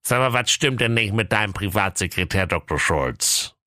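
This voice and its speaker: A man's voice: fairly low pitch, lively intonation, moderate pace, pushed and bright, dry recording, studio quality. A man voicing a chatty, fussy king who complains in a casual, confiding way in a comic fairy-tale reading. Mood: grumbling confiding.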